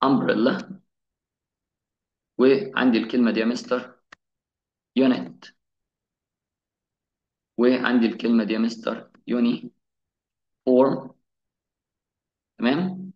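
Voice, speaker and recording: A man with an Egyptian Arabic accent gives a classroom-style English grammar lesson. He poses questions to his students and answers them himself, slowing down to sound out each English example. His voice rings in an echoey room and sounds slightly dull and muffled. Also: medium pitch. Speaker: English teacher.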